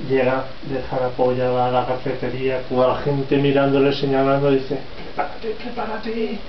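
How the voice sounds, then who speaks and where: A man's voice: medium pitch, completely flat delivery, a little fast. A man in his twenties with a Spanish accent from Spain, casually telling a joke. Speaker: joke teller. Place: small bedroom, indoors. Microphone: camera or computer mic at a distance. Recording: dull, echoey room, distant noisy mic.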